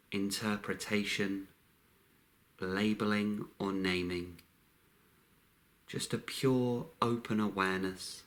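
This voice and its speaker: Short phrases separated by long silences mark this man's unhurried, calm guided meditation, delivered in a fairly low voice.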